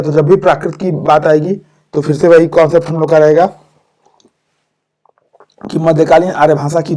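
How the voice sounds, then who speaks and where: A man's voice: a little high, mellow. A man teaching an exam-prep class, stopping often to say "okay" and restarting words. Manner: repeats "ठीक है" after points, with fillers and restarts.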